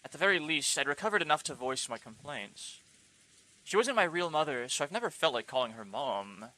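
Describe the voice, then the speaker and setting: A man's voice: a little high, expressive, brisk, bright, forceful tone, low-quality recording. Man reading as a wry teenage boy narrator.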